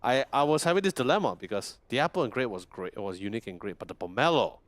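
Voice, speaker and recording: A man's voice: medium pitch, animated, quick pace, dry recording. A young man casting an esports event, chatting casually and laughing often. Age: young adult. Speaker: esports caster. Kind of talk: casual caster banter.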